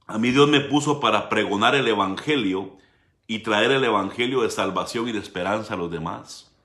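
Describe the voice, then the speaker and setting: A man preaching a sermon as pastor, calling out to the congregation and swinging between loud emphasis and hushed asides. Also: fairly low pitch, normal speed. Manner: preaching with frequent direct address to the congregation. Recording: roomy church hall sound.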